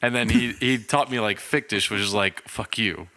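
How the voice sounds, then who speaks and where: A man's voice: fairly low pitch, normal speed, bright, forceful tone. A young man co-hosting a podcast, telling a story in casual chat and laughing through it. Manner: laughs through his stories. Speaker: podcast co-host.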